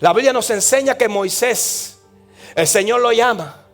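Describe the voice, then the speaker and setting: High-voiced emphatic preaching man. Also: a little slow, soft background music. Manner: emphatic, repetitive, swings from loud to hushed. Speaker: pastor. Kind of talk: sermon.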